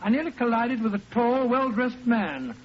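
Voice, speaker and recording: Genial older English doctor, muffled recording. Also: male voice, very high-pitched, animated, moderate pace. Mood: storytelling. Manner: avuncular, chatty, storytelling. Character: genial, chatty older English doctor, storyteller and loyal sidekick. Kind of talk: 1940s radio acting. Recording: muffled, hissy 1940s radio recording.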